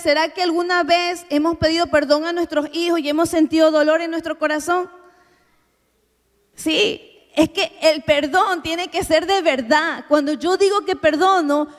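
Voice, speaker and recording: A woman giving an earnest, heartfelt sermon with a personal testimony at a church women's workshop. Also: high-pitched. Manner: earnest, heartfelt preaching to the congregation. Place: church meeting hall. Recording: reverberant church hall.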